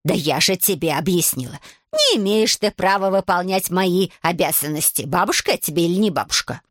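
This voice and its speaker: A woman voicing a fussy, bossy old grandmother in a read-aloud story, drawing her words out slowly. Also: fairly low pitch, sing-song, dry recording, studio quality. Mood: scolding.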